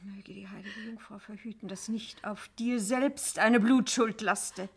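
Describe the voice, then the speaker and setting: A woman's voice: mid-range voice, normal speed, lightly acted. A woman playing a dignified, principled noblewoman in a radio drama, speaking in a formal, emphatic, theatrical way. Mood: stern reproach. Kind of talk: German literary radio drama.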